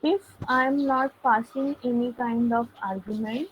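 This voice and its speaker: Over a video call, a woman walks through a programming lesson step by step, often saying "okay" to fill pauses. The lo-fi audio carries her higher, fairly even-toned voice along with a little hiss or hum.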